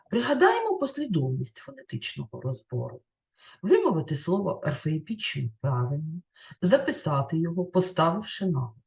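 A woman teaching a recorded lesson over slides, her pitch rising and falling a lot as she explains. She speaks in a clear, carefully enunciated way and reads lists out slowly, word by word. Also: darkish tone.

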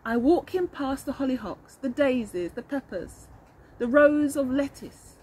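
Outdoors in a leafy garden, a middle-aged woman reads aloud with expression like a teacher of young children, talking straight to them and asking them questions. Her voice sits high with lively intonation, unhurried, a little mellow and husky. The audio quality is poor.

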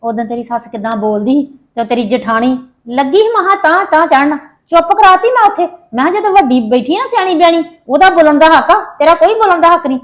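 A woman playing a sharp-tongued bossy elder sister. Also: high-pitched, lightly acted. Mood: scolding. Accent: Punjabi. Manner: scolding, bossy and fast-talking. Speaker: older sister character. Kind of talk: Punjabi family drama acting.

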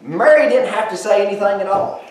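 A high-pitched man with a drawl preaches with emphatic, animated energy and homespun asides. His voice rings through a very echoey church, picked up from well back from the mic. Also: fairly quick, recorded from a distance. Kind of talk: sermon. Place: church sanctuary.

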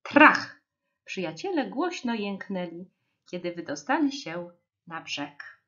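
A woman reading a children's story aloud, slow and expressive. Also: on the low side, lo-fi sound.

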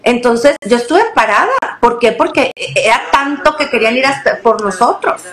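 A woman's voice: fairly high pitch, moderate pace, a bit bright. A middle-aged woman, telling a family story in an interview, earnest and repeating words as she goes. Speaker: interview guest. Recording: echoey room.

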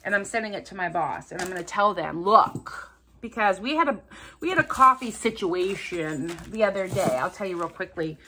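Gushing, excitable woman unboxing gifts. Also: medium pitch, normal speed, slight background noise. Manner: gushing, gasping and exclaiming over each gift; rambling, jumps between asides. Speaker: vlogger opening subscriber gifts. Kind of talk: casual unboxing chat to camera.

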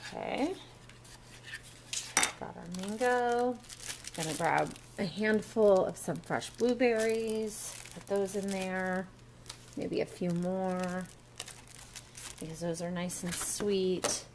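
A woman's voice: mid-range voice, slow, long pauses, noisy background. A woman walking through a recipe step by step in a casual kitchen demo at a home counter, recorded on the camera mic. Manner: chatty, step-by-step instructions. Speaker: cooking vlogger.

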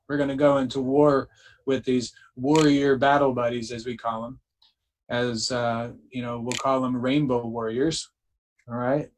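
A man's voice: medium pitch, poor audio. A man leading a spiritual group, instructing listeners and chanting incantations with emphasis, checking in with frequent "okay?".

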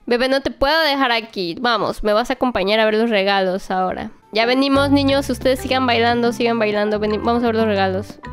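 Animated woman playing with toys. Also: a little high, a little fast, few pauses, clean tone, soft background music. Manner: animated, talks to toys like a babysitter, exclamatory. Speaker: toy play vlogger. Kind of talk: playful narration of doll play.

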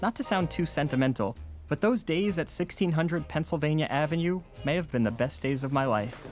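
A man's voice: a little high, expressive, a little fast, darkish tone, faint music behind, natural voice. An actor playing a neurotic, bookish American survivor in his thirties, wordy and precise, in a comedy film. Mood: wry, nostalgic. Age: 30s. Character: neurotic, bookish, earnest young male survivor. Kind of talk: film comedy narration and dialogue.

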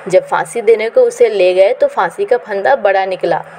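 Storybook reading: a woman voicing a gruff, bossy soldier. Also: medium pitch, normal speed, darkish tone, a little hiss or hum, lightly acted. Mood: explaining. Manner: gruff, ordering about. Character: rough bullying male soldier.

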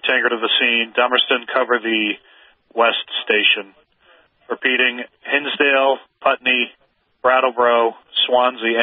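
A man working as a fire dispatcher, heard over a two-way radio, calling out alarms in a measured way and repeating each call. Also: medium pitch, no room sound. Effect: two-way radio transmission. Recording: narrow dry dispatch radio channel.

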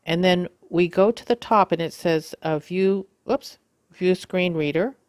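A woman giving a casual how-to demonstration, talking haltingly with many fillers and self-corrections. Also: fairly low pitch, darkish tone, dry recording. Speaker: video tutorial host.

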